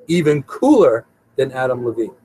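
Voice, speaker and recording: A man's voice: medium pitch, big pitch swings, moderate pace, dark tone, breathy edge, low-quality recording. A middle-aged man hosting a live show in a casual, rambling way, often repeating his words. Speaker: host. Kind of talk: casual live-stream talk.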